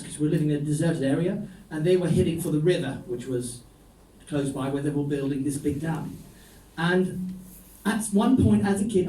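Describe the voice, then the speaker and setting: A male stand-up comedian with a high, wry voice performs a set in an echoey club, heard from a distance with slight background noise. His storytelling is dry and ironic, sprinkled with deadpan asides.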